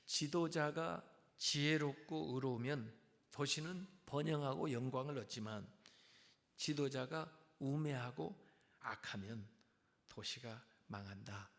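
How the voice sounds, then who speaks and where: A male pastor giving a sermon, calmly explaining scripture verse by verse in a teaching tone. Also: mid-range voice, gravelly. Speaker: senior pastor. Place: church sanctuary. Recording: long reverb of a church hall.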